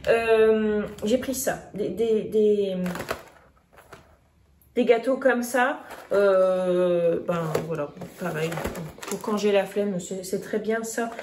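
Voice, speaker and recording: A woman's voice: mid-range voice, steady tone, slow. A woman in her thirties, a vlogger chatting casually about her groceries with many fillers and restarts. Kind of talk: casual grocery haul chat. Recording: echoey room, faint noise.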